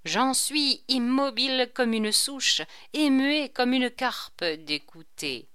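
A woman's voice: high voice, animated, slow pace, a bit bright, clear, resonant tone, no room sound, studio quality, full character voice. A woman reading aloud, voicing a sly, mocking male court jester who teases with ironic questions. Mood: wry.

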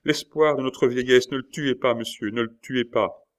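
Brief: old mother in a storybook, anguished, wailing and high, as a male reader puts her on. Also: steady tone, moderate pace, natural voice. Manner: shrill wailing pleas. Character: anguished elderly mother pleading for her son.

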